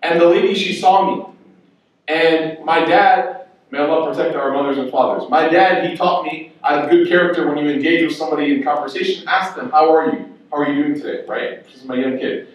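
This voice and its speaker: Young imam preaching in an echoey hall. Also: male voice, fairly high pitch, a little fast. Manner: storytelling, acts out quoted voices, asks rhetorical "right?". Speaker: imam giving a Friday sermon. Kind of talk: sermon with storytelling. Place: mosque prayer hall. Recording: very echoey hall, mic at a distance.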